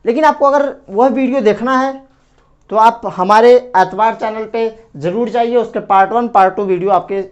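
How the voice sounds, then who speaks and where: A woman teaching an exam-prep lesson online. She repeats key points over and over and keeps calling her viewers friends as she walks through quiz questions. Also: fairly high pitch. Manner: repetitive, drills points, often addresses viewers as friends. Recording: dull lo-fi recording.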